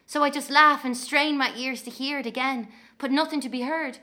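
A woman's voice: high voice, fairly even intonation, moderate pace, bright, forceful tone. An actress playing an angry young Irish woman, telling of walking home at night in a dramatic monologue.

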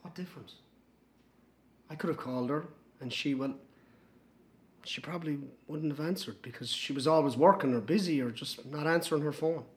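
An actor playing a haunted man, reflecting in a hushed, halting dramatic monologue. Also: on the high side, lightly acted.

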